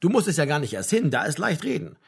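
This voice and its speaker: Exasperated sarcastic young man, read by a man, husky, lively pitch, audiobook reading. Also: fast talker, exaggerated voice. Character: frustrated young man heading to the army.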